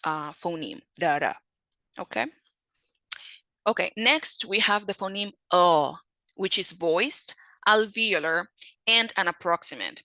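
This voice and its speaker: A woman gives a phonetics lesson at a slow, deliberate pace. She steps through each sound and repeats every example word. Her voice is bright and recorded dry. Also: mid-range voice, dry recording, poor audio. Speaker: phonetics teacher. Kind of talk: lecture.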